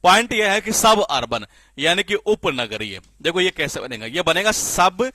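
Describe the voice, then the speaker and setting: A man teaching spelling in a classroom-style lecture, lively and repetitive, often asking the class questions and answering them himself. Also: on the high side, moderate pace, no echo. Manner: lively, repeats questions to the class, frequent filler "ye".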